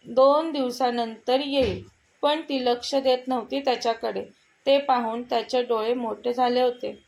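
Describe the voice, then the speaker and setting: A woman telling a story in a slightly gravelly voice. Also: a little high, darkish tone, low-quality recording. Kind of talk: scripted narration.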